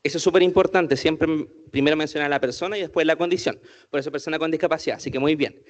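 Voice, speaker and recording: Guy teaching a group, keeps asking "right?", kinda high voice, muffled recording. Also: steady tone, very fast. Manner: asks the audience many questions, says "¿cierto?" often. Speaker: inclusion workshop speaker. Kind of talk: interactive talk to a group.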